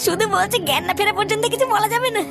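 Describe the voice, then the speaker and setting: A woman's voice: extremely high pitch, creaky. A woman voicing a fearful young cartoon boy who hesitates and sounds close to tears over his father. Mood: worried. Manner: fearful, tearful and halting. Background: background music.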